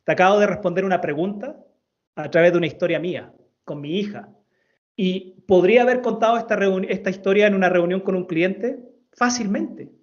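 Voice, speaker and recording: On dull, lo-fi audio, a thirtysomething man who works as a storytelling coach shares a personal story as an interview guest. He's earnest and brisk, with a fairly high voice, and he leans on repeated words for emphasis.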